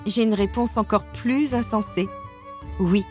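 A woman voicing an eager, impulsive young princess in a storybook reading, with a bright pleading delivery. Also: medium pitch, unhurried, natural voice. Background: music.

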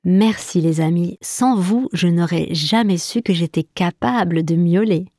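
A woman's voice: fairly low pitch, unhurried, warm tone, no echo, studio quality. A woman voicing a shy little cat. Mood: grateful. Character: shy little male cat, gentle and grateful.

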